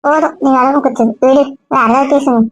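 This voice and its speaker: A woman's voice: sits high, fairly even intonation, brisk, no echo, lo-fi sound, close to an everyday voice. A woman voicing a blunt, protective young friend who scolds in a stream of rhetorical questions. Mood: scolding. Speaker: outspoken friend. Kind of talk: Tamil audio drama acting.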